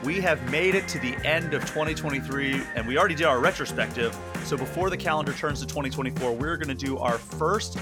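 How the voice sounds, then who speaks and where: A man's voice: on the high side, fast talker, few pauses, over loud music. A man hosting a podcast, introducing and interviewing a guest in a friendly, casual, conversational way. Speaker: podcast host.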